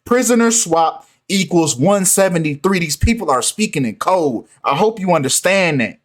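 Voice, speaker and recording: A man talking in an animated, insistent way in a casual commentary video, often repeating "right?" and "come on, man". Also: sits high, moderate pace.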